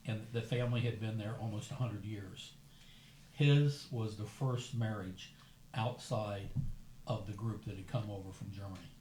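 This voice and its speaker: A man's voice: fairly low pitch, normal speed. An older American man hosting a dinner, chatting casually and telling stories. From United States. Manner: storytelling, relaxed and chatty. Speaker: host. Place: room at a dinner gathering. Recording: echoey room with faint background noise.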